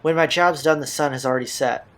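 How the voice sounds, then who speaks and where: A quick-paced man with a slightly high, somewhat bright voice reads visual novel dialogue aloud for a playthrough. He talks in an informal, slangy style and adds offhand asides. The game's soundtrack can be heard behind him.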